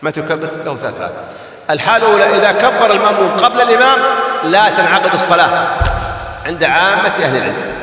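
A man's voice: high voice, animated, racing, pushed and bright. A man teaching a religious text, repeating key points and singing out examples. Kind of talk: explaining a text in a lesson. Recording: echoey hall, voice from far off.

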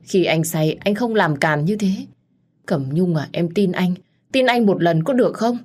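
A woman voicing a young man who has been accused, earnest and pleading, in a low voice. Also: a little slow.

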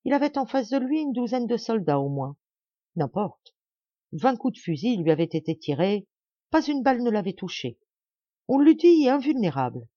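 Woman audiobook reader, mellow dark voice, dry close sound, dull lo-fi. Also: medium pitch, sing-song, no room sound. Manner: measured, dramatic storytelling. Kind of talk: audiobook narration of a classic novel.

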